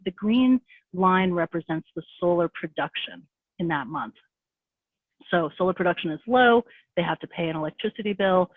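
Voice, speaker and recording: A woman giving a fast, casual presentation over a video call, full of fillers and restarts. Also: lowish voice, no room sound. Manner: rapid, conversational, many fillers. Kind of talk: webinar presentation. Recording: tinny phone-like call audio.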